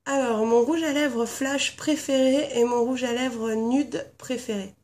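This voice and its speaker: A hoarse woman chatting casually in a vlog, blunt and frank, rambling with lots of fillers. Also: fairly high pitch, steady tone, measured pace, a little mellow. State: hoarse from a sore throat. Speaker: vlogger, founder of a paranormal blog team. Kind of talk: casual chat answering a tag. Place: at home with her cat nearby.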